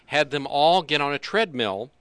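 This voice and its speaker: A man's voice: a little high, lively intonation, normal speed, fairly bright tone, dry recording. A man co-hosting a casual finance talk show, rambling and dryly sarcastic. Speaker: co-host.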